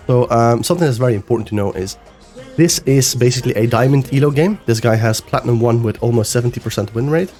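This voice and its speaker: A young man with a cold, his voice a bit nasal and rough, talking through a gameplay review as a coach with loose, explanatory speech. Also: medium pitch, fast talker. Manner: explanatory, loose with fillers and restarts. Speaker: game coach. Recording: faint music behind. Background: soft background music.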